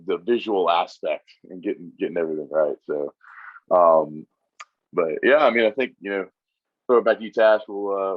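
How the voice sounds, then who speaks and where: A man's voice: low voice, no echo, lo-fi sound. A man co-hosting a casual interview, rambling and enthusiastic with lots of fillers. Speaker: podcast co-host.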